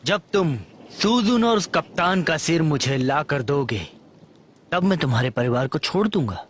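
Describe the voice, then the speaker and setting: A man's voice: fairly high pitch, expressive, moderate pace, a little hiss or hum, lightly acted. A man dubbing a ruthless warlord. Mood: menacing. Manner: cold, menacing threats. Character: ruthless male warlord threatening hostages. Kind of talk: Hindi film dub.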